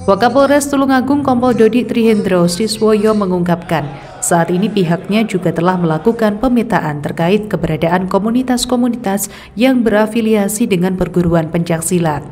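A woman reading scripted news narration in a formal, measured manner as a reporter. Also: medium pitch, darkish tone, a little hiss or hum.

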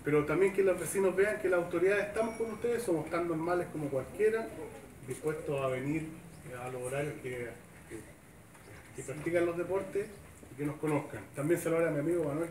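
A Chilean government official with a slightly high voice and normal speed gives an informal public speech in an open-sided covered sports shed, semi-outdoors. Speaking Chilean Spanish in a chatty, folksy way, he seeks agreement with tag questions. A far camera with no microphone captures him from a distance, so the shed echoes and background noise comes through.

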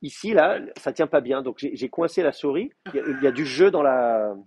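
A male lecturer talking through a live classroom lesson in a slightly husky voice. His pitch moves a lot as he explains, and the sound is dry and close. He often hesitates and restarts his sentences. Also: animated, fairly quick, darkish tone, no echo. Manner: hesitant, stop-start explaining with many restarts. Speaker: university Hebrew lecturer. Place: classroom with in-person and remote students.

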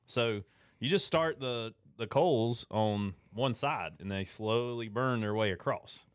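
A man's voice: medium pitch, takes it slowly, clear, resonant tone, no room sound, studio quality. A man co-hosting a podcast in a shop, telling stories with self-deprecating humor and frequent laughs. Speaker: podcast co-host. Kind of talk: casual chat. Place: fly shop, indoors. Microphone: boom mic with headphones.

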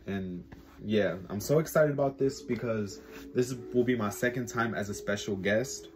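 A young man chatting casually in a vlog, excited and rambling with lots of fillers. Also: fairly low pitch, moderate pace, a little hiss or hum. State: sleepy, just woken up. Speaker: vlogger.

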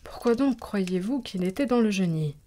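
A woman voicing a shy, timid young female companion in a storybook reading, asking quiet questions. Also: medium pitch, lively intonation, moderate pace, natural voice. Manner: soft, hushed questions.

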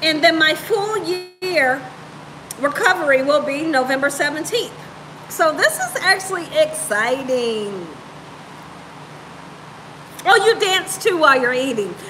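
Broadcasting indoors from home, this cooking show host, likely in her thirties or forties, banters playfully with her live audience and repeats phrases to stress them. She speaks in a high, sing-song voice at a measured pace with long pauses, over background noise.

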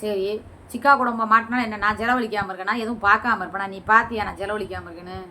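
Woman firing back at commenters, sarcastic and scolding, bright sharp voice, bit of faint noise behind. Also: medium pitch, steady tone, fast talker. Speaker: vlogger answering viewer comments. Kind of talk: heated reply to comments.

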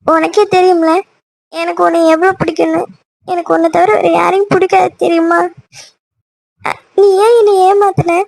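A woman voicing a hurt, angry young woman in a cartoon love story, snapping sharp, dismissive retorts. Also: high voice, steady tone, very fast, no room sound, natural voice. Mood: tearful. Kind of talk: cartoon voice acting.

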